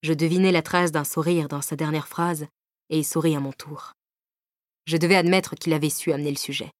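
A woman reading a novel aloud in the first person, measured and even, at a close microphone. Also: low-pitched, no room sound. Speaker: audiobook narrator. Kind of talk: scripted audiobook narration. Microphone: close studio microphone.

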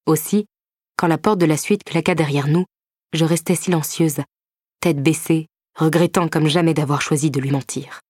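An audiobook narrator reads a first-person romance novel in a low, even voice, measured and intimate with quiet tension. The studio sound is close and dry, with no room echo.

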